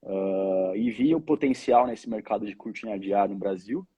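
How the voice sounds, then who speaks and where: Over dull, lo-fi online call audio, a guest in his 20s talks about his family's air-curtain business. Argentine-born but raised in Brazil since he was two, he has a fairly low, warm, slightly rough voice with a steady tone, and he speaks haltingly while seeking agreement through tag questions.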